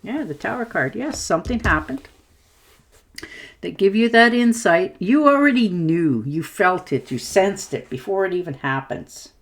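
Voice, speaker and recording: A woman's voice: mid-range voice, big pitch swings, moderate pace. A woman giving a casual tarot reading in a reassuring, chatty way, with many fillers. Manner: warm reassuring talk with fillers; hiccuping at times. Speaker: tarot reader.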